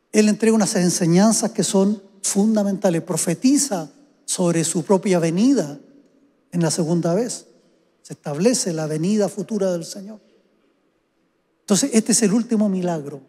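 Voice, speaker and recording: A high-pitched man preaching a sermon in a church with a long hall reverb. His delivery swells into fervent, drawn-out exhortations to the congregation, possibly. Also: dark tone. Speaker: pastor. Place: church sanctuary.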